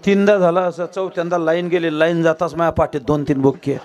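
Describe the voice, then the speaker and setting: A man's voice: fairly high pitch, level tone, quick pace. A man with a Marathi accent giving a comic devotional kirtan, joking with and quizzing the audience and breaking into song. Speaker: kirtan preacher. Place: live stage before a crowd. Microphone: stage microphone. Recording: live crowd and accompanying music. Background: crowd laughter and music.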